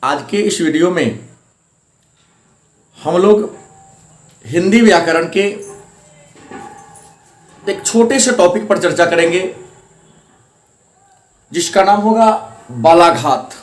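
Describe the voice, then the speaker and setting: A man teaching a classroom grammar lesson, his voice pitched high for a man and bouncing in an echoey room. He explains step by step, repeating each point and leaning on syllables to show them. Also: animated, takes it slowly, pauses often. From India.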